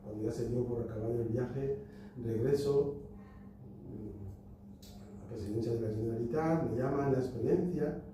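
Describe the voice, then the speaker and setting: A man from Equatorial Guinea, the author at a book talk, answering questions with a relaxed, anecdotal storytelling manner. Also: mid-range voice, a little slow. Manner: relaxed storyteller, acts out dialogue. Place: lecture hall at a cultural society. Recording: echoey hall, distant, noisy.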